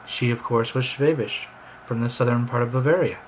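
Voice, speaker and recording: A man's voice: mid-range voice, steady tone, brisk, a little hiss or hum, rough recording. An American man telling rambling, chatty stories in a casual monologue. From United States. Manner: rambling, chatty, drifting between anecdotes. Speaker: vlogger.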